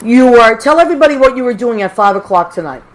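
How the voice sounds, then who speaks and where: A woman's voice: fairly high pitch, animated, quick pace, poor audio. Effusive American woman hosting a chatty livestream. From Massachusetts, United States. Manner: effusive, affectionate, uses endearments. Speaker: host of a livestream call-in show.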